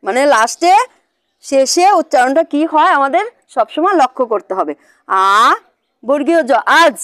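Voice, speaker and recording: A woman teaching young children to spell, sounding out letters slowly in a sing-song way and often asking them questions. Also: high voice, animated, fairly bright tone, no echo, clean studio sound.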